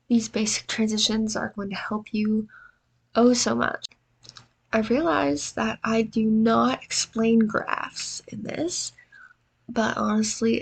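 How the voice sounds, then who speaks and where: This video editing tutorial is narrated by a woman whose slightly high voice is gravelly and husky. She sounds tired and worn out, congested from allergies, and her delivery is casual and self-deprecating.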